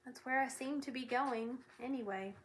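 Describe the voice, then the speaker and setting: A woman's voice: sits high, normal speed, slight background noise, lightly acted. A woman voicing a curious, unsure young boy in a storybook reading, apologetic and wondering.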